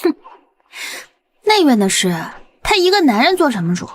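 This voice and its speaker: An actress playing a sharp-tongued young princess consort who taunts coldly. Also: female voice, high voice, very animated, normal speed. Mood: defiant. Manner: scornful, coolly taunting. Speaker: prince's wife.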